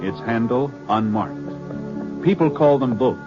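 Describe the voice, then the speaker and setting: A man announces in formal 1950s radio style. His delivery is scripted and dramatic, in a mid-pitched voice. Loud music swells behind him on a dull, vintage recording. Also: lively intonation, slow pace.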